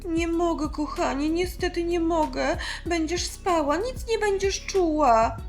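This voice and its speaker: A woman's voice: extremely high pitch, a little slow, a little mellow, soft background music. A woman voicing an anxious, impatient mother who frets over her sick daughter. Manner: anxious, fretful.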